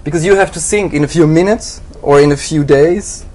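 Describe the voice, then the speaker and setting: This interview guest, a graphic designer from Switzerland, has a slightly high, slightly mellow voice and talks a little fast. His conversational answers are halting, packed with fillers and false starts.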